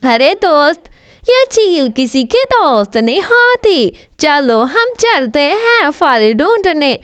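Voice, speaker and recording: A woman voicing a suspicious, stubborn female sparrow who keeps warning her friend and quickly sulks. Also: high voice, very animated, no room sound, muffled recording, exaggerated voice. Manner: sharp warning tone, quick to sulk. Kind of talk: storybook cartoon voice acting.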